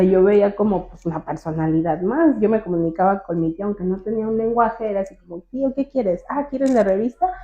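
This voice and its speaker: A young woman recounts her childhood in an interview, taking on the voices of a teacher, her mother and herself as a child as she tells it. Her voice sits at a middle pitch. The sound is narrow and tinny, like a phone call. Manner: animated, acts out quoted voices of teachers and family. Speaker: guest. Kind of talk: personal storytelling in an interview.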